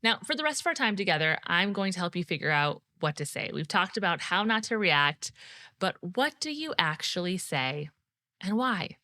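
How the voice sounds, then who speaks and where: A woman in her thirties hosts a leadership podcast, speaking to listeners as friends. Her voice sits a little low yet sounds bright and forward. The recording is close and dry. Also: sing-song, moderate pace, dry recording. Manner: warm direct coaching, speaks to the listener as friend. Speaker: podcast host and leadership coach. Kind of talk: scripted solo podcast teaching.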